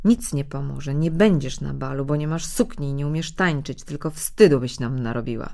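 A woman's voice: rumbling low, moderate pace, creaky, mellow. A woman narrator voicing a harsh, scornful stepmother who scolds and dismisses her stepdaughter. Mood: cold.

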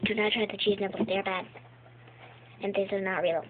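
A woman's voice: mid-range voice, fairly even intonation, normal speed. Young girl play-acting on a tinny phone. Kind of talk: toy play-acting with voices. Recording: tinny phone recording with loud noise.

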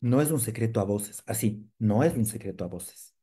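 This man's lowish, slightly rough voice moves at a moderate pace as he leads a live sales training session. The demonstration is lively, full of jokes and quizzes aimed at his listeners.

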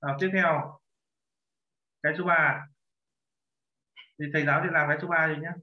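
A man leads a language lesson, patiently correcting a student's pronunciation and repeating phrases slowly. His voice sits slightly high. The recording is lo-fi and echoes around the room. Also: steady tone. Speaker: Korean language teacher. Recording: echoey, dull lo-fi room sound.

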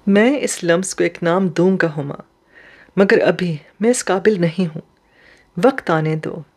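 A woman's voice: lowish voice, darkish tone. A woman voicing a tender, earnest young man who is moved to tears.

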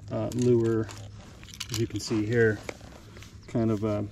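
A middle-aged American outdoor vlogger with a mid-range voice explains his fishing gear step by step in a relaxed, chatty way while on a paddle board out on a lake. It's casual how-to narration, captured by an action camera mounted on the board. Faint wind and water noise can be heard.

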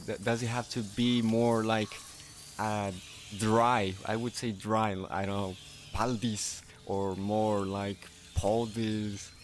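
A man with a mid-range voice chats casually while streaming a game. His English is careful and non-native, halting and self-correcting, and he laughs often.

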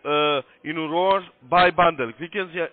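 Speaking at a measured pace in a voice on the high side, a man working call centre sales gives insistent, repetitive phone instructions one step at a time. The line is muffled and narrow-band.

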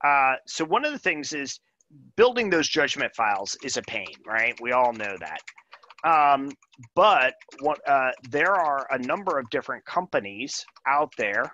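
Casual male presenter, bright dry voice, talks through a demo over a video call. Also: medium pitch, big pitch swings, unhurried, dry recording, muffled recording. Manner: casual, thinks aloud with frequent "right?" and "um". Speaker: presenter demoing software.

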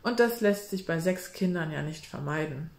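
Woman reading as a soft doll-like mother. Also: deep voice, lively intonation, moderate pace, creaky. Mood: soothing. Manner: soft, soothing. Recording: roomy echo.

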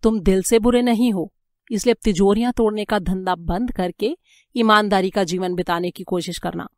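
A woman's voice: mid-range voice, fairly even intonation, moderate pace, a little mellow, dry recording, clean studio sound, close to an everyday voice. A woman voicing a stern but kindly male prison warden in an audiobook, speaking in a firm, advising tone.

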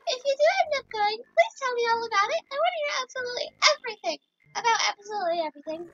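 Woman doing a very high, squeaky-bright dog secretary. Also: expressive, rapid-fire, full character voice. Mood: eager. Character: eager, gushing female dog secretary. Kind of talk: reading game dialogue aloud in character. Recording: dull lo-fi audio.

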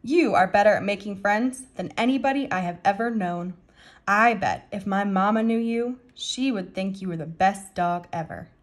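A woman's voice: mid-range voice, normal speed, natural voice. A woman reading the part of an eager, polite preacher's daughter, earnest and folksy, in a children's story. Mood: grateful.

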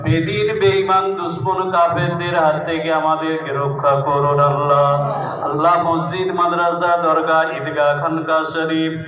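A man's voice: fairly high pitch, steady tone, moderate pace. A man leading a congregational prayer in a pleading, half-sung chant. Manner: pleading, half-sung, repeatedly invoking God. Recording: echoey distant PA with crowd. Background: crowd.

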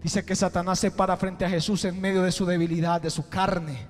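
High-voiced pastor preaching in a hall. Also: male voice, level tone, brisk. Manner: impassioned preaching, swings from hushed to shouting. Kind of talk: sermon. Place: church. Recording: reverberant hall with music underneath.

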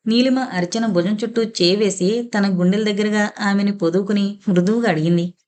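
Woman, audiobook narrator, scripted narration, steady, medium pitch. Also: fairly quick. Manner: steady storytelling read.

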